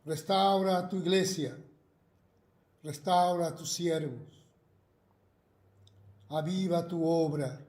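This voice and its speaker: Recording himself on video, a pastor from Argentina delivers a sermon and prayer with earnest fervor, saying his phrases again and again. He speaks slowly with frequent pauses, his fairly high voice carrying a darkish tone in a roomy-sounding space.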